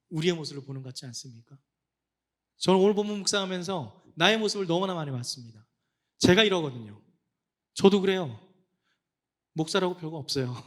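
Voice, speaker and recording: A young man preaching as a church pastor, his voice sitting high for a man. He swings from loud, dramatic exclamations to hushed, low-voiced passages. The delivery is a passionate sermon.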